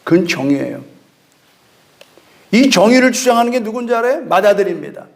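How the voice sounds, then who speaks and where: A pastor delivers an early-morning sermon in a very high, gravelly voice. He tells the story with acted dialogue and keeps calling out to his congregation. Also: sing-song, a little fast. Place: church sanctuary.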